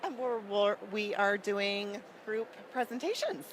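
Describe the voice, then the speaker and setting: A woman's voice: medium pitch, lively intonation, measured pace, a little hiss or hum. Woman booth exhibitor, friendly, promotional, mid voice. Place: trade show booth.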